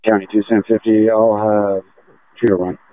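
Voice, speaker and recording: A man speaks over a two-way radio in a low, level voice, reading off codes and phonetically spelled names. The transmission is tinny and dry, with no room sound. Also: level tone, normal speed, dry recording. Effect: heard over a two-way radio. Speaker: police officer. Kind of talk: police radio traffic.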